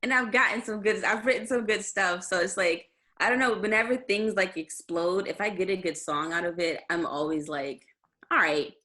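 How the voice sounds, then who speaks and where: A woman's voice: mid-range voice, normal speed, hardly any pauses, sharp tone. A young adult woman, a musician guest on a video call, chatting casually with lots of fillers and restarts. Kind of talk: casual interview chat.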